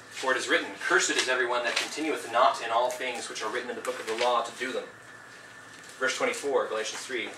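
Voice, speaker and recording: A man's voice: mid-range voice, pushed and bright, a little hiss or hum. A man giving a formal debate statement in an earnest, preachy, rebuking way. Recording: echoey room, distant mic, faint ambience.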